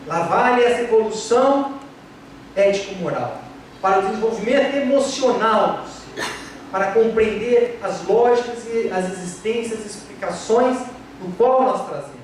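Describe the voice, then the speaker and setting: A man's voice: high voice, expressive, normal speed, slight background noise. A Brazilian man, a physician, giving a lecture on spirituality and health, firing off rhetorical questions and acting out complaining patients. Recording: echoey hall recorded from far off.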